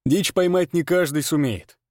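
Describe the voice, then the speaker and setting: A man's voice: a little high, normal speed, a little mellow, no room sound, clean studio sound, pitched above the performer's own voice, lightly acted. A man voicing a wry plain-spoken hunter. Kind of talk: audiobook character voice.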